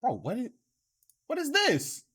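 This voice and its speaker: A man's voice: very high voice, wildly swooping pitch, unhurried, pushed and bright, husky. A young man streaming from home and chatting casually with viewers, teasing them and laughing often. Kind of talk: casual chat reading viewer messages.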